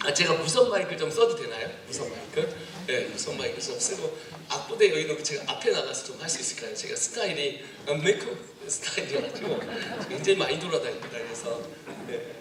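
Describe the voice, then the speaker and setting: A man's voice: on the high side, big pitch swings, a little fast. A man with a Chungcheong accent, a guest missionary giving a humorous, playful talk in church, bantering with the crowd. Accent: Chungcheong dialect. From South Chungcheong, Korea. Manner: joking, playful crowd banter mixing English. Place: church sanctuary. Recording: echoey room, distant mic, noisy.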